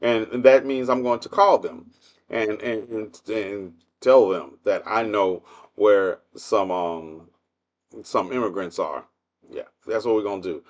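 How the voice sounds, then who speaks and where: A man's voice: on the low side, measured pace, dull audio. A man hosting a livestream, talking in a casual political commentary monologue, sarcastic and full of rhetorical questions to his audience. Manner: hums a tune while waiting. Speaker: livestream host.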